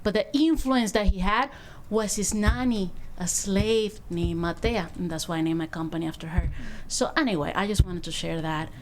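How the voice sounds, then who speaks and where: A woman's voice: mid-range voice, moderate pace, hardly any pauses, a little hiss or hum. A woman from Venezuela, a council member telling a personal story in public remarks.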